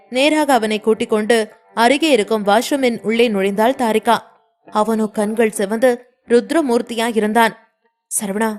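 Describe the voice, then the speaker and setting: A woman narrating a scripted romance story with a slightly high voice. She reads with dramatic, emotive colour. Her telling is steady and measured.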